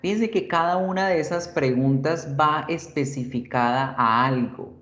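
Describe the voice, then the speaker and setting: A male teacher explaining grammar slowly and patiently to his class in an online lesson. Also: fairly high pitch, a bit bright. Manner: slow, explanatory, addresses students as chicos. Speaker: English teacher. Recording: echoey, muffled lo-fi recording.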